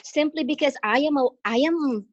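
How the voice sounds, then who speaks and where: In an online meeting, a woman from the Philippines who works as an exchange teacher talks about her experience in a motivational, earnest and encouraging way, with a Filipino accent and lots of pauses and fillers. Her voice is high. The video-call audio has no echo and cut-off highs.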